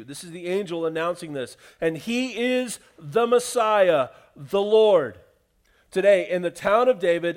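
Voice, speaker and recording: A male pastor preaching a sermon, moving from loud emphatic lines to soft hushed ones, repeating phrases and asking the listeners questions. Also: a little high.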